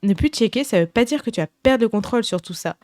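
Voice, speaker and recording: A young woman hosting a podcast, giving gentle, earnest advice in a casual way, with many fillers and restarts. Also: a little high, expressive, fast talker, no echo, studio quality. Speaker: podcast host.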